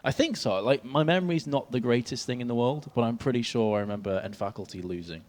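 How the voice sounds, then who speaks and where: A young man with an English accent and a medium-pitched voice talks fast while casting an esports match from an event stage in a venue. In casual banter with his co-caster, he jokes at his own expense and laughs often.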